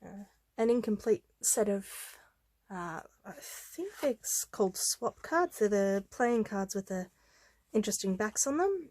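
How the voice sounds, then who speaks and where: A craft vlogger with a medium-pitched, slightly dark voice, a bit stuffy from a head cold, chats unhurriedly while showing off her craft supplies, filling her casual show-and-tell vlog with lots of ums and uhs. The recording has no echo.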